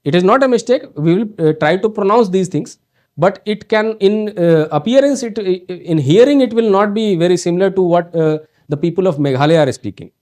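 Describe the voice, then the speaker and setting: A man from North India with a North Indian English accent, giving an exam coaching lecture in a halting way, with many fillers and restarts. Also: sits high, expressive, darkish tone. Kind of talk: online exam prep lecture.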